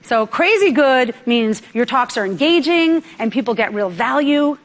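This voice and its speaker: A woman from New York speaks to a live audience in a fairly high voice. She gives a lively business talk and keeps pulling the room in with questions. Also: normal speed.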